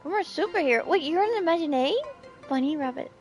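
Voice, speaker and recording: Playing on stream, this woman keeps up casual let's-play commentary in a high, animated voice at a quick pace. She reacts to the game and reads the chat aloud while soft background music plays.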